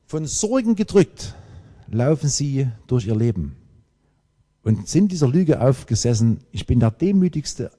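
A man preaching a sermon, emphatic and lively, with dramatic pauses. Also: medium pitch. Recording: long hall reverb.

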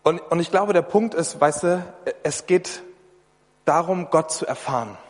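A man preaching a sermon in German in a lively, conversational way, often turning to the listeners directly. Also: fairly high pitch, measured pace. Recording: long reverb of a hall.

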